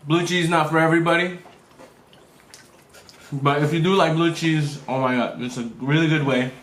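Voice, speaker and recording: A man who is a chef, casually explaining cooking steps in a halting, step-by-step way. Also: on the high side, steady tone, a bit bright. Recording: echoey room.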